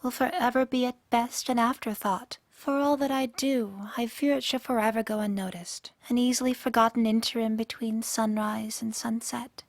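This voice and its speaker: Pony princess of the night, played by a woman, for audio drama: regal, lonely, wounded, on the higher side, recorded dry. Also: fairly even intonation, moderate pace, few pauses, no room sound, lightly acted. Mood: sad, resigned. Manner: formal, regal, sorrowful diction. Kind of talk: fan-made radio drama acting.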